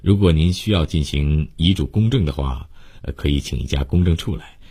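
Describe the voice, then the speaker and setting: Man doing a lawyer, brisk and polite, lots of uhs, deep husky voice. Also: lively intonation, warm tone, heavily acted. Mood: businesslike. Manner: brisk, accommodating, hesitant 'uh' fillers. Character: businesslike middle-aged male lawyer.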